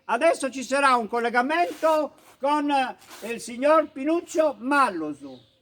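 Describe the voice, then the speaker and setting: Man playing a shrill woman teacher, bossy, comic sketch. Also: animated, measured pace, a bit bright, heavily acted. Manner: bossy, checks in with "d'accordo?". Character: fussy woman teacher of a comic dialect class.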